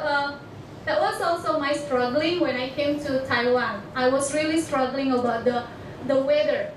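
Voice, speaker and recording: The recording comes from far away in a reverberant lecture hall, with noticeable noise around the speaker. She is a young Indonesian woman and international student, first language Batak, giving a personal talk to an audience in high-pitched, halting English and often pausing to find the right words.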